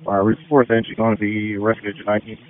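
A man's voice: fairly low pitch, completely flat delivery, rapid-fire, noisy background. An American man acting as a fire incident commander, giving orders over two-way radio. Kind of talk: emergency radio dispatch traffic. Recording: muffled, tinny two-way radio audio.

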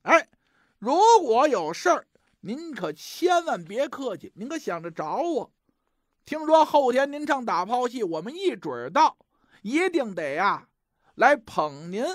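A man's voice: extremely high pitch, big pitch swings, measured pace, dry recording, clean studio sound, full character voice. A male storyteller voicing an effusive, courteous scholar who loves opera, in dramatic dialogue. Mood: friendly, courteous. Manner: hearty, familiar, polite.

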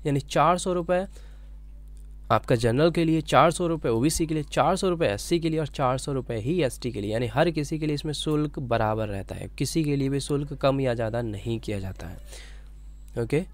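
A man with a medium-pitched voice explains an exam notification at a moderate pace. Teaching informally, he repeats his points and keeps checking in with short "okay" tags.

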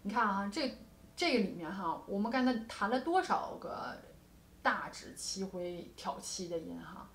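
A woman's voice: medium pitch, animated, moderate pace, gravelly, slight background noise. Patient woman guqin teacher, echoey room. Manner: patient explaining with frequent soft particles. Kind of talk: music lesson with demonstrations. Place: music studio.

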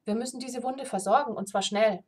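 A woman's voice: fairly high pitch, a little fast, darkish tone, distant mic, natural voice. A woman doing a stern, grave male warrior. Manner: firm, scolding.

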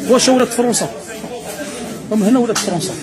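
A man with an Algerian Arabic accent fires off a sarcastic political rant at breakneck speed, jeering straight at his opponents. His voice sits high for a man, and a crowd murmurs clearly behind him. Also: quick pace. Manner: mocking, sarcastic, addressing opponents directly. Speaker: political commentator.

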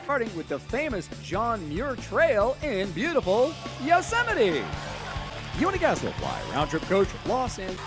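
An American man working as a game show announcer, reading out prizes in a booming, hyped delivery that punches the key words. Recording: music bed under the voice. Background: music.

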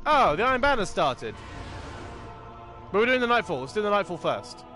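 A man's voice: high-pitched, big pitch swings, moderate pace. A man streaming a video game with a friend, joking, swearing and bursting into bits of song. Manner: swearing, joking, sings snippets. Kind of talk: casual gaming chat. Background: loud game music and sound effects.

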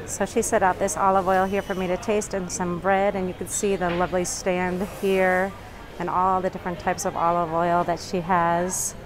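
A woman's voice: lowish voice, flat delivery, normal speed. Woman muffled by a face mask, noisy market. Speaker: local tour guide vlogger. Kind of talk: casual walking tour narration. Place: covered market and its entrance. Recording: noisy handheld recording with market ambience.

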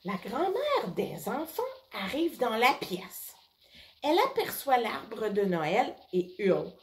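Lady reading a kids' storybook, slow and animated, roomy echo. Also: fairly high pitch. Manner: expressive, unhurried storytelling. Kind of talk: reading a children's story aloud. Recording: echoey room.

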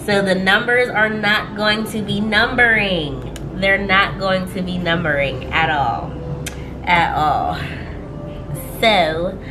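A budgeting vlogger with a stuffy, cold-affected voice chats casually and laughs often while filling in her budget planner on camera, filmed from overhead on a desk. Her voice sits at a medium pitch and moves slowly, with a noisy background behind it.

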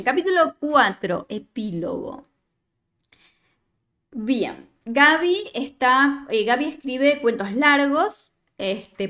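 Brief: woman, writing workshop leader, reads student stories aloud, chatty and teasing, fairly high voice. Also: fairly bright tone. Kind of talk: reading student work aloud and giving feedback.

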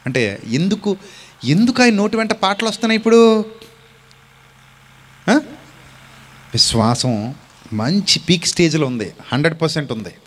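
A male pastor with a Telugu accent preaching a sermon, swinging between loud exhortation and low, quiet stretches, calling on the congregation to answer back. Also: big pitch swings, moderate pace, pauses often, big-room sound.

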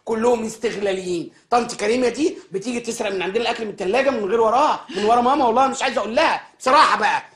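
An actor with an Egyptian accent playing a spoiled, childish, rude grown man in a TV comedy, talking very fast and whiny. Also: very high-pitched, fairly bright tone. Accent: Egyptian Arabic. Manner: petulant, rapid, complaining. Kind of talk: TV comedy series acting.

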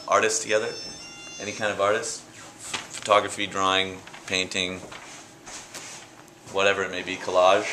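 A young man with a low, unhurried voice talks loosely about his art, pausing on fillers and restarting phrases. He is recorded on a camera close by inside an echoey gallery, with a faint hum of ambience behind. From Canada. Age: young adult. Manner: relaxed, rambling, with fillers and restarts. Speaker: painter interviewed at his exhibit. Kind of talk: casual interview answers. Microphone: handheld camera close by.

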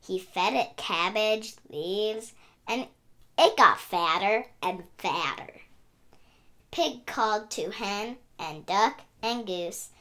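A woman hosts a children's read-aloud channel, narrating stories expressively in an emphatic, sing-song style. Her voice is medium-pitched and a bit bright, and she speaks slowly.

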